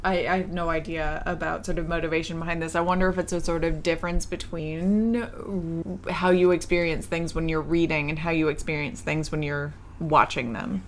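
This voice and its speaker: This is a woman with a somewhat low voice, co-hosting a relaxed podcast. Her talk meanders thoughtfully and is broken by light giggles, with a faint hiss of noise behind her. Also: normal speed, hardly any pauses. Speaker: podcast co-host. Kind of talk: casual podcast chat.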